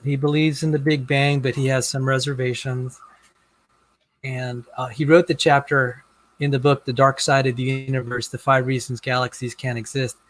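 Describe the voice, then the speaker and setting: A man's voice: mid-range voice, fairly bright tone, no echo. A man in a casual video-call conversation about creation and science who often stops and repeats words as he restarts. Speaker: guest in a debate on creation and science.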